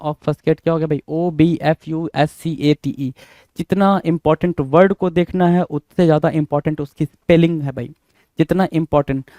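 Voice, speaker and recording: Male tutor, fairly high, mellow tone, dry recording, repeats and spells words. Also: no echo. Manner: repetitive, spells words letter by letter, quizzing the viewer; mixes Hindi and English. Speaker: English vocabulary teacher. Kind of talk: exam-prep vocabulary lesson.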